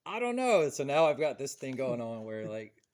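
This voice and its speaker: Telling wandering stories with voiced quotes, a podcast host in his forties keeps things casual and chatty. He speaks in a mid-range, somewhat dark voice at a moderate pace, with big swings in pitch.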